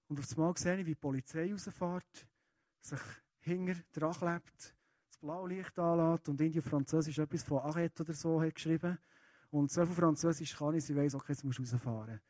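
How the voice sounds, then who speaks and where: A man with a Swiss German accent preaching a sermon, talking to the congregation in an earnest, conversational way. His voice sits a bit higher than most men's, and the recording is dry and close. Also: a little mellow, no room sound. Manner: earnest and conversational, addressing listeners directly.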